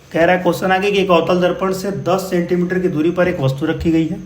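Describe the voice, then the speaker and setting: Brisk encouraging man teaching physics. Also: on the high side. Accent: Bihar. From India. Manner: informal, encouraging, calls students "my brother". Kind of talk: explaining exam problems.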